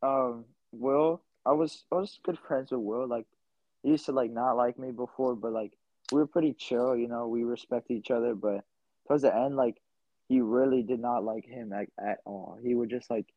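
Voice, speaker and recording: A man's voice: mid-range voice, fairly even intonation, moderate pace, dark tone, dry recording. A young man as a podcast guest, telling stories in a laid-back way with lots of fillers. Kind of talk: casual interview. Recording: dull lo-fi mic.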